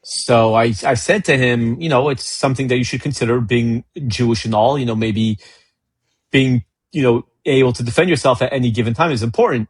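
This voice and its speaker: Husky man telling a story in casual chat. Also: mid-range voice, a little fast, no room sound. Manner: storytelling, acts out dialogue with frequent restarts. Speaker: guest, gun rights advocate.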